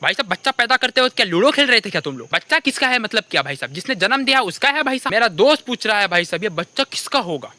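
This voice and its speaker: Bright-voiced young Indian man ranting. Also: high voice, racing, hardly any pauses, no echo. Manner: animated, keeps repeating "bhai sahab". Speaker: comedy creator. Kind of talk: comic rant.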